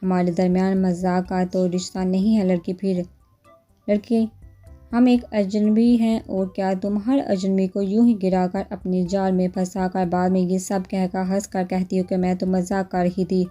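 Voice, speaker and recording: A woman's voice: medium pitch, little pitch movement, mellow, soft background music, lightly acted. A woman reading a storybook novel, voicing a cold, short-tempered young man who speaks in a cutting tone.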